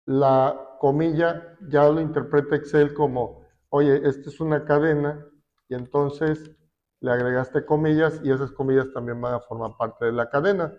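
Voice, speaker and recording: A man teaching a class, slowly explaining a spreadsheet step by step with fillers. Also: fairly high pitch. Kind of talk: classroom software lesson. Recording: dull lo-fi recording.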